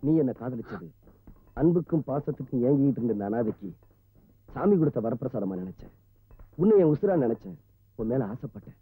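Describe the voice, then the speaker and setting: An actor playing a hurt orphaned husband, speaking low and reproachfully. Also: male voice, animated, fairly quick, pauses often, breathy edge. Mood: wounded. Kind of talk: 1990s film acting. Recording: tinny lo-fi film soundtrack with music.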